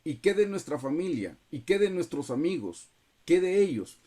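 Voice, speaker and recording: Hombre, acento guatemalteco, pastor, voz ronca, timbre oscuro, prédica sincera por videollamada. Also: male voice, on the high side, sing-song, moderate pace, mellow. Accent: Guatemalan Spanish. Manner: earnest, keeps addressing listeners as brothers. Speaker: pastor leading a Bible study. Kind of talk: sermon with personal testimony. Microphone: video call.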